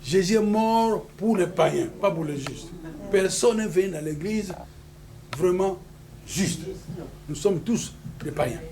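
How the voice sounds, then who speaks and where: Un pasteur originaire du Congo, avec un congolais, prêche avec emphase dans une salle d'église et lance des alléluias à l'assemblée. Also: male voice, high-pitched, slow, crowd noise. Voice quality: emphatic, repeats hallelujah to the congregation. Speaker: pastor. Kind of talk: sermon with call-and-response. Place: church hall. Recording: noisy church hall recording.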